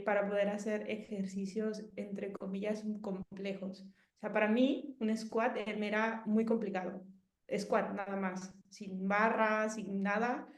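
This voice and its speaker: In a casual testimonial interview, a thirtysomething woman with a Mexican Spanish accent wanders through her answers, stacking fillers and starting sentences over. Her voice sits at a middle pitch, and the recording has a roomy echo.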